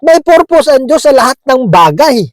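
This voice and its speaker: In a dry, low-quality recording, a man with a very high, sing-song voice preaches at a moderate pace. His sermon is conversational and chatty, full of chuckles, English words mixed in, and repeated "di ba?" check-ins with his listeners.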